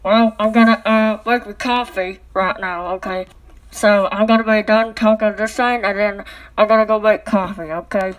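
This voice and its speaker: Here a woman speaks at normal speed in a steady, mid-range voice, and the recording is rough. Indoors at home, she vlogs loosely into her phone through a cardboard tube, finishing almost every sentence with a rising "okay?".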